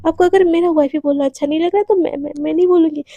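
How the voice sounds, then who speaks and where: A woman's voice: very high-pitched, steady tone, very fast, no room sound, narrow, tinny audio. A woman voicing a young woman in love who coaxes and apologizes over and over. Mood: apologetic. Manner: coaxing, repeats pleas over and over.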